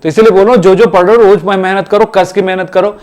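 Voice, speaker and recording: A man's voice: sits high, steady tone, fast, darkish tone. A man teaching chemistry in a classroom, urging students to study every day in a repetitive, exhorting way. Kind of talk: classroom lecture.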